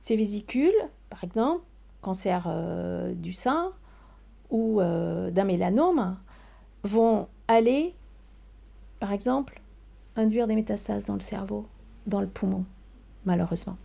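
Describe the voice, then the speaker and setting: An older woman speaks as an interview guest, her voice dark, mellow and gravelly with a touch of fry. She talks haltingly, filling pauses with ums and restarting her sentences. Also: mid-range voice, lively intonation. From Portugal. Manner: hesitant, many fillers and restarts. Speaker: research scientist guest. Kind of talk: casual interview answers.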